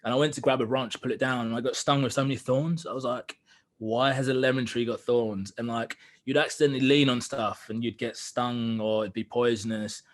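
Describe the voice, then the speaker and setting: A man's voice: medium pitch, fairly even intonation, a little fast, hardly any pauses. Earnest man recounting a story. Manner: candid and earnest, many fillers. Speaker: podcast guest. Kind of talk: reflective storytelling in conversation.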